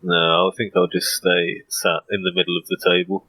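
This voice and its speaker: A man with a very deep voice takes part in a tabletop roleplaying game. He talks casually, describing his character's moves. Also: flat delivery, normal speed, pushed and bright.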